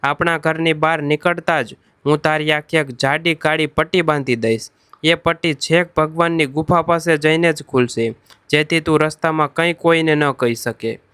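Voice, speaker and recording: A man's voice: fairly high pitch, a bit bright, smooth, no echo, lightly acted. A man doing a stern forest chief. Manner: stern, commanding.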